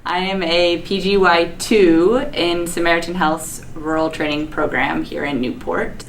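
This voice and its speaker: A woman's voice: fairly low pitch, steady tone, a little slow, far from the mic, faint music behind, poor audio. A woman, a second-year medical resident, giving an upbeat testimonial with casual fillers. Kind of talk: promotional testimonial.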